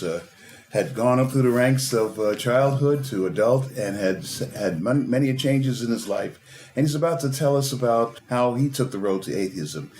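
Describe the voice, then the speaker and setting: A man's voice: medium pitch, a little mellow. A man hosting an interview show, introducing a guest in a rambling, stumbling way. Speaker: host.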